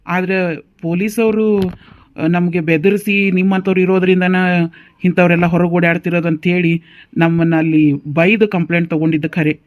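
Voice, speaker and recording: A man's voice: sits high, little pitch movement, brisk. Polite man with a dialect. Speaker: voice actor in a cartoon story. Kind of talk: cartoon story dubbing.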